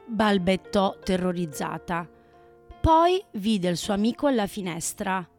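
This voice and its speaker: A woman narrating a children's story in a gentle, measured manner. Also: mid-range voice, animated, faint music behind.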